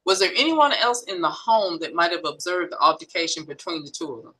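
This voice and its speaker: A woman's voice: on the low side, expressive, fairly quick, sharp tone, slightly rough, poor audio. A woman prosecutor questioning a witness in court, methodical and step by step. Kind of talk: courtroom direct examination.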